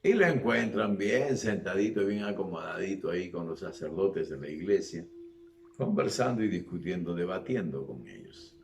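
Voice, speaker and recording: In an echoey room with faint music in the background, a low-voiced man with vocal fry delivers a sermon at a moderate pace. He's animated, asking rhetorical questions and mimicking the voices of the people he talks about.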